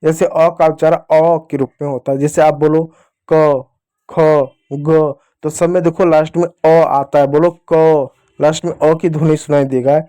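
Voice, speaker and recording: Patient, warm-voiced male teacher. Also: fairly high pitch, level tone, a little fast, few pauses. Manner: patient, addresses viewers as children, repeats key points. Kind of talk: beginner Hindi reading lesson. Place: teaching at a board or screen with a pen.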